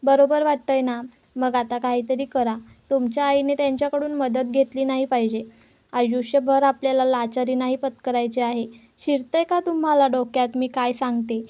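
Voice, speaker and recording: A woman's voice: high voice, steady tone, moderate pace, a little mellow, lightly acted. A woman voicing an angry, proud young wife who scolds her timid husband sharply. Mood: angry scolding.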